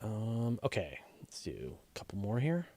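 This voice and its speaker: This male science journalist has a fairly low, dark voice with wildly swooping pitch and a moderate pace. Hosting a casual live astronomy Q&A, he reads out questions and answers off the cuff, rephrasing and thinking aloud as he explains.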